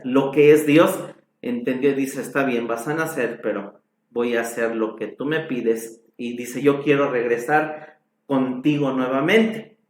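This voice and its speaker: A man preaching a sermon as a pastor, slow and emphatic, his voice rising on exclamations. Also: mid-range voice, echoey room. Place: church hall.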